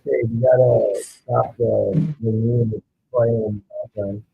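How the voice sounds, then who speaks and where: A man's voice comes through muffled and tinny, like talking down a tin can over a call. He sounds gravelly and husky, with a dark tone. He chats in a loose, offhand way. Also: fairly low pitch, little pitch movement, slow, no room sound. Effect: muffled, tin-can sound over an online voice call. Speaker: participant in a crypto community voice chat. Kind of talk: casual chat. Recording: muffled, lo-fi online call audio.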